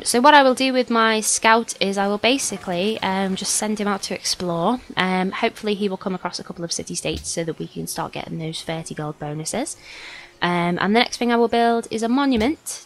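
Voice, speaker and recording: A woman's voice: mid-range voice, vocal fry, poor audio. A woman with a slight sniffle gives casual, hesitant let's play commentary, explaining things informally as she goes. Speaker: gaming video host.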